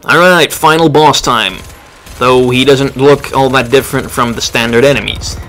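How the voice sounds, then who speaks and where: A man's voice: medium pitch, moderate pace, fairly bright tone, a little hiss or hum. A man giving casual, wry commentary as he plays a video game. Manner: offhand, wry. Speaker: let's play commentator. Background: game music.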